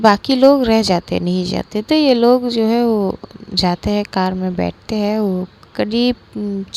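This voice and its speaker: A woman narrating a romantic serial in a relaxed, conversational way. She restarts phrases and adds fillers as she goes, at a middling pitch. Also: creaky, poor audio. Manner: chatty, with many fillers and restarts. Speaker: storyteller. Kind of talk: casual spoken story narration.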